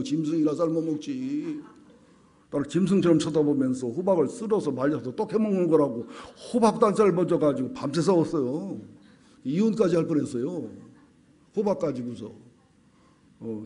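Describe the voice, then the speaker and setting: A man's voice: fairly high pitch, mellow. A middle-aged man, a senior pastor, preaching a humorous sermon in a church, telling folksy anecdotes and jokes. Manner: folksy storytelling with jokes, acts out voices. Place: church sanctuary.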